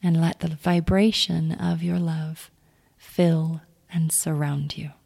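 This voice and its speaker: A woman leading a calm guided grounding exercise, giving gentle, soothing instructions in a soft, near-whispered delivery. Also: sits low, slow pace, gravelly, breathy edge. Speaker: meditation guide.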